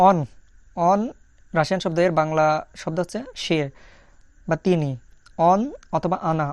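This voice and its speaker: A man teaching a language lesson over his screen, repeating each phrase slowly and spelling out the sounds letter by letter. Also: high-pitched, darkish tone, no echo.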